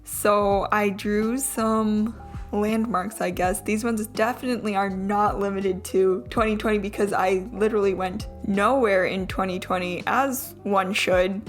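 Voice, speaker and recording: A woman's voice: medium pitch, steady tone, a little slow. Young woman who struggles with her R's. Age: young adult. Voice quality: trouble pronouncing R sounds. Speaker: vlogger. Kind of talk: casual voice-over narration. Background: background music.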